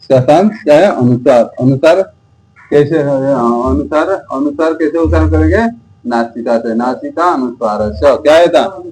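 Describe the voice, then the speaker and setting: A man teaching Sanskrit grammar slowly, asking the class questions again and again and drilling sounds aloud. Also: on the high side, darkish tone, husky, low-quality recording. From India. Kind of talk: slow repetitive teaching.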